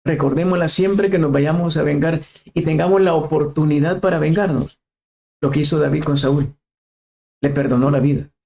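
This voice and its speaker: A man's voice: a little high, creaky, a little mellow. A man preaching a sermon, asking questions and repeating phrases for emphasis.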